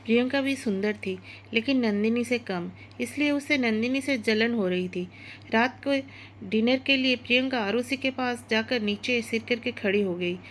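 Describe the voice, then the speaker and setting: A woman reading a scripted story aloud as narrator, in a steady, even manner. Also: a little high, moderate pace, a little hiss or hum.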